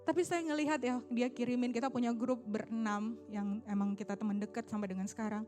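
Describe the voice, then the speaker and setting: A woman's voice: fairly high pitch, fairly even intonation, brisk, dark tone, soft background music. A middle-aged woman preaching a sermon, telling a personal story with emotion and changing tones for the people she quotes. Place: church stage.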